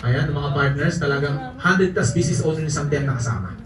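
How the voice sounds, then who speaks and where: A man's voice: a little high, brisk, a crowd in the background. Jokey man speaking in an echoey hall. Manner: jokey, animated, often laughs. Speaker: network marketing speaker. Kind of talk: storytelling talk to a live audience. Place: event hall with audience. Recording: echoey hall, distant mic, audience noise.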